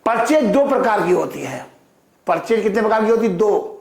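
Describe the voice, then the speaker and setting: A male accounting teacher giving a classroom lecture in a digital-board classroom, asking the class questions and answering them himself, and drawing key terms out slowly. He speaks English with an Indian accent. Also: high-pitched, lively intonation, vocal fry, darkish tone, reverberant. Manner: asks the class questions and answers them himself, calls students "beta" and "bachhon"; slow, drawn-out repetition of key terms.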